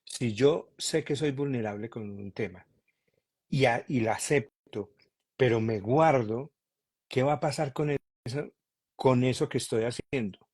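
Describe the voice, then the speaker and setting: A man talking calmly and earnestly as a podcast guest, searching for words as he goes. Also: medium pitch, a little slow, breathy edge. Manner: calm, earnest, repeats himself while searching for words. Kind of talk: reflective conversation.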